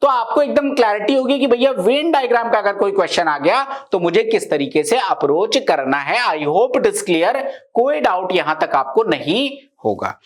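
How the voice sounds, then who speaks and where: A man's voice: high voice, lively intonation, normal speed, hardly any pauses. A male maths teacher giving a live class, explaining each step and often checking that his students follow.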